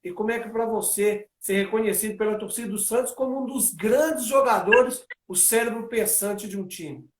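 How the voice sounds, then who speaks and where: High-voiced man hosting a live interview. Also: normal speed, hardly any pauses. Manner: friendly, reads out lists. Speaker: interview host. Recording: echoey room.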